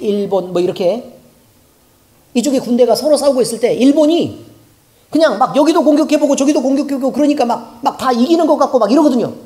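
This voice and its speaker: Woman pastor, conversational sermon, expressive rising and falling pitch, prods the congregation with rhetorical questions. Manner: colloquial, keeps asking the congregation rhetorical questions. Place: church.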